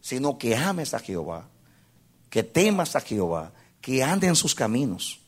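A man preaching a sermon to a congregation, impassioned, asking them questions and repeating phrases for emphasis, swinging from hushed to loud. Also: medium pitch, sing-song, a little slow, husky. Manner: addresses the congregation directly with questions.

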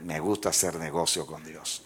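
A man's voice: rumbling low, fairly even intonation, moderate pace. A man preaching a sermon and telling a story to his congregation. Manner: storytelling, rising to shouted praise.

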